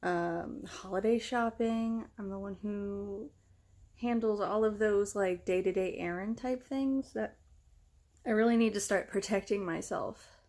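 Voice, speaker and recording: A woman's voice: medium pitch, unhurried, darkish tone. A young woman from the United States talking candidly and casually about herself, in a self-deprecating, conversational way. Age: young adult. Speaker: vlogger. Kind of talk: casual chat.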